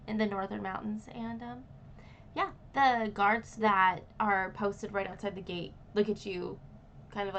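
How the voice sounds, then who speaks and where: A woman running a tabletop game, narrating the scene in a loose, relaxed way with casual fillers. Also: medium pitch, a little hiss or hum, poor audio. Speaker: game master.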